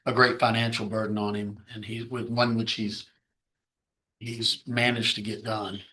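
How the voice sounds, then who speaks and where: A man's voice: lowish voice, level tone, normal speed, bright, forceful tone. A man speaking formally as a defense attorney, addressing a judge in court.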